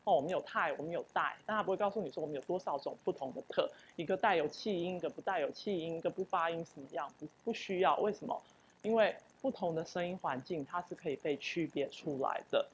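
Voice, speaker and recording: A woman with a Taiwanese Mandarin accent lecturing on linguistics. She explains patiently, repeats example words slowly, and often says "oh". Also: lowish voice, slight background noise. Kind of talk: university lecture.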